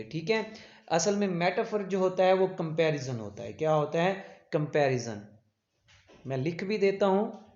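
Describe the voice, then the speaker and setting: A man teaching English literature terms for exam prep, asking his own questions and answering them, with frequent fillers. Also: fairly high pitch. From Pakistan. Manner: repeats points as questions and answers them himself; fills with "jo hai na" and "theek hai". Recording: echoey room, dull lo-fi sound.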